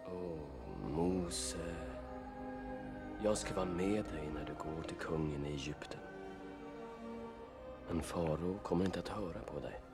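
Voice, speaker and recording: An actor voicing God in an animated film, speaking slowly and gravely, from hushed whispers to booming commands. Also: male voice. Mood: reassuring. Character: God, a deep, solemn, commanding divine voice. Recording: film soundtrack with loud music behind.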